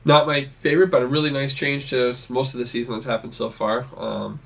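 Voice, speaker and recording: Gravelly man chatting casually. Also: medium pitch, steady tone, a bit bright, far from the mic. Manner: chatty, talks over others, quick laughs. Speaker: show co-host. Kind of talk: casual review chat.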